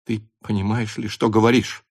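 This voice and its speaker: A young cadet speaks softly, his voice trembling and strained, as a male audiobook reader plays him. The voice is low and held back. Each word comes with effort. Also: lively intonation, moderate pace. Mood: tense, quiet. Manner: quiet, trembling voice. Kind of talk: audiobook character voice.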